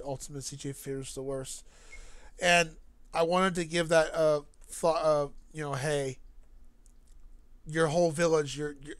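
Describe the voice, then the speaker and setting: A man streaming and casually commenting on a game he made. He talks in a chatty, jokey way and often gets animated. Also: fairly high pitch, smooth, no echo. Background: faint game music.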